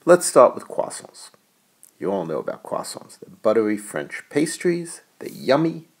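A man's voice: fairly low pitch, a little slow, vocal fry, breathy edge. A middle-aged man, an economics professor, giving a recorded video lecture in a playful, jokey way. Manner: playful, animated, jokey asides. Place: US college.

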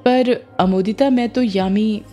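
A woman's voice: a little high, slow, dark tone, faint music behind. A woman voicing an earnest young man who speaks firmly and bluntly in a storybook reading. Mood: casual.

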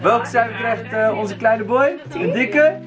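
A man's voice: extremely high pitch, unhurried. A man in his thirties, a father filming his family right after the birth of his son, upbeat and coaxing with the kids. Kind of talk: casual family vlog. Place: hospital delivery room. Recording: music behind the voice.

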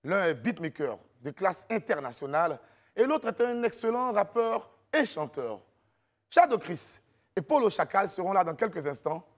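A man hosting a TV talk show, joking and animated. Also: high-pitched, normal speed. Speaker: host. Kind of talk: TV show host.

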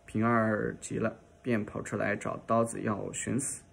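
Gravelly, low-voiced male audiobook reader. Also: unhurried. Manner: steady reading with occasional restarts. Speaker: narrator. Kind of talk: reading a classic novel aloud.

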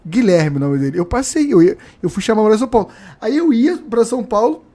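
Um homem na casa dos trinta com sotaque carioca, contando histórias animadas e imitando falas numa chamada de vídeo de casa. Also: male voice, sits high, brisk. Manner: animated storyteller, acts out quotes. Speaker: podcast co-host. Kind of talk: casual storytelling chat. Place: home room.

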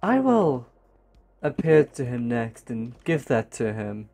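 A man's voice: mid-range voice, sing-song, slow pace, creaky, mellow, soft background music, voice pushed down, full character voice. A man voicing an evil, otherworldly villain in an improvised game role-play, with a theatrical, unhinged drawl. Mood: sinister, grand. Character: evil otherworldly villain granting costly powers.

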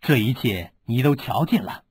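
A man's voice: mid-range voice, lively intonation, moderate pace, a little mellow, breathy edge, dry recording. A man voicing a bitter, cunning older swordsman who speaks with resentment. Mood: wary.

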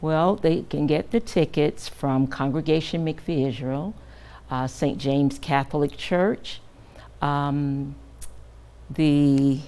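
Wearing a lapel mic in a TV news studio, an older woman who directs a children's camp answers interview questions. Her low-pitched voice is mellow and slow. She comes across as earnest and measured, with lots of fillers.

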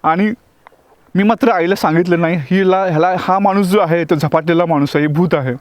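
A man with a notably high voice tells a personal story, acting out the dialogue and often breaking off to restart a phrase. The sound is close and dry, with no room around it. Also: brisk, dry recording. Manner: vivid, re-enacts dialogue with frequent restarts. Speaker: acting teacher recounting a devotional experience.

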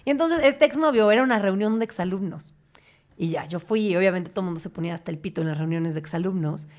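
A young woman with a Mexican Spanish accent, hosting a podcast and telling stories in a casual, animated way, acting out quotes. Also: lowish voice, fast talker. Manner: animated, swearing, acts out quotes. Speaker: podcast host. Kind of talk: casual chat.

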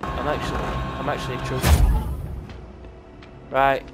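A man giving gameplay commentary, excitably talking to himself and to the enemies as he plays. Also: mid-range voice, a little slow, over loud music. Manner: excitable, talks to himself and the enemies while playing. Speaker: gaming video creator.

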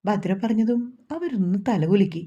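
A woman with a Malayalam accent reading a romantic novel aloud as narrator, voicing every character in a fairly even tone. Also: medium pitch, normal speed, lo-fi sound. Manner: reads all characters' dialogue in a mostly even voice. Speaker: story narrator.

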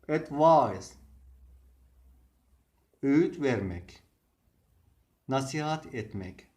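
Guy teaching vocab super slow, reads each word real careful, middle pitch. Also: a little mellow. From Turkey. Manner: slow, deliberate reading of words and example sentences. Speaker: English teacher.

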